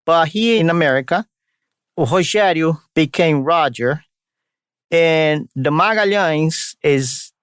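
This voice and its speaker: Brazilian-Bostonian man with dropped r's, smooth and dry. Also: fairly high pitch, no echo. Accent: Brazilian mixed with Boston. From São Paulo state, Brazil. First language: Portuguese. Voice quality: drops his r's. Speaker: podcast host. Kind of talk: informal solo podcast introduction.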